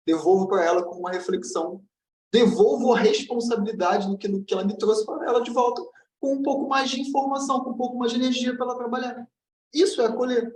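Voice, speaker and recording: A man's voice: very high-pitched, fast talker, darkish tone, slight background noise. A man giving a commented book reading lesson in a blunt, direct way, acting out the voices he quotes. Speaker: teacher of self-knowledge. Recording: roomy, distant mic.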